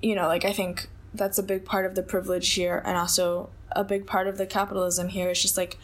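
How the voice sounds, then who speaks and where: A young Hong Kong woman, appearing as an interview guest, talks reflectively and conversationally at a medium pitch with a flat, slightly fast delivery. She sounds thoughtful and hedges a lot, leaning on fillers such as "like" and "I think".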